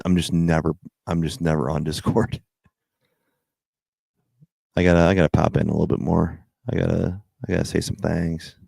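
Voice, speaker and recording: A man's voice: low voice, gravelly, darkish tone, husky, dry recording. A man chatting casually as a livestream host, in a rambling, slangy way with some swearing.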